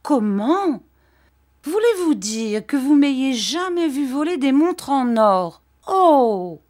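A woman voicing a childish, petulant young wife who whines in a high, sobbing voice in an audiobook reading. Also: sing-song, slow, a little mellow, full character voice.

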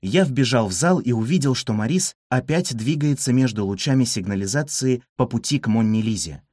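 Male storybook narrator, mid-pitched and husky, expressive, dry close recording. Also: brisk, no echo.

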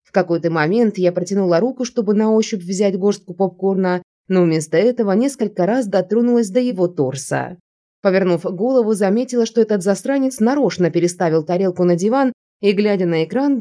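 A woman reads a first-person novel aloud as an audiobook narrator. Her voice is warm and mellow, sitting at a middling pitch. She narrates expressively. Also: expressive, brisk.

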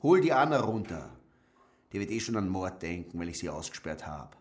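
A man's voice: low-pitched, fast talker, natural voice. An actor playing a coarse, domineering male procurer, in a radio drama. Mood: scolding. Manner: wheedling then barking, domineering.

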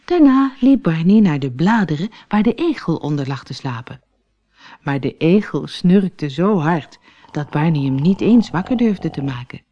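Expressive woman reading a children's story. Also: sits low, normal speed. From Netherlands. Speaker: storybook narrator. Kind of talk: children's audiobook narration. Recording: muffled old audiobook with faint music.

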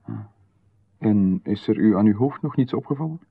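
A man voices Marchon, a smooth, menacing visitor and patronizing official, in a 1990s radio play heard over a narrow, phone-like band. His fairly low, slightly breathy voice moves at normal speed and sounds probing. He stays calmly condescending until he turns sharply indignant.

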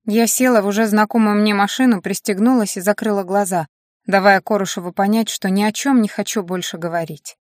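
A woman reading a first-person audiobook with steady, even storytelling. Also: mid-range voice, a little fast, dry recording, clean studio sound. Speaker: audiobook narrator.

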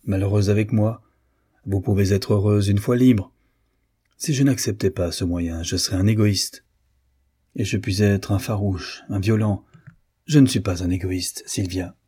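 A man's voice: lowish voice, steady tone, measured pace, warm tone, slightly rough. A male reader voicing a proud, remorseful husband who speaks in a firm, cold, sorrowful tone in an audiobook. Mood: grave remorse. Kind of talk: audiobook reading.

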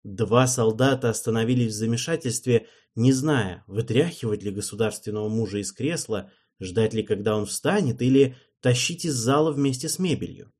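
Husky-voiced male audiobook narrator. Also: medium pitch, moderate pace, few pauses. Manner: expressive storytelling. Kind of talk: scripted narration.

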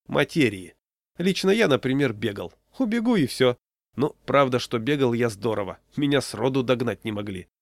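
A guy doing a breezy know-it-all buddy, a bit higher, no room sound. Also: animated, moderate pace, vocal fry, no room sound. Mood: boasting. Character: easygoing adult man, hearty drinker.

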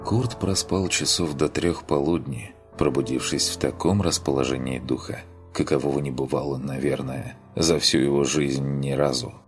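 A man narrating an audiobook in a measured, even storytelling manner. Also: a bass voice, music in the background. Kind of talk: scripted narration.

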